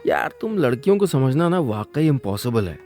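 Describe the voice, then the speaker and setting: A man's voice: medium pitch, sing-song, normal speed, darkish tone, faint music behind, lightly acted. A man playing an exasperated young boyfriend. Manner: exasperated, pleading.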